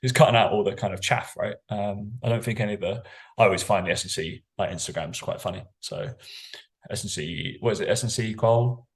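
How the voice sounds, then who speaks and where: A man's voice: fairly low pitch, fairly even intonation, brisk. A British man, a fitness coach, chatting casually on a podcast in a blunt, sweary, rambling way.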